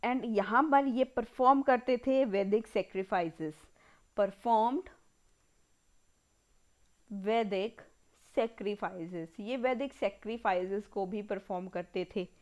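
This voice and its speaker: A woman with an Indian accent giving an exam-prep history lecture, slowly repeating key terms as if dictating and mixing Hindi with English words. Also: medium pitch, darkish tone. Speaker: history teacher.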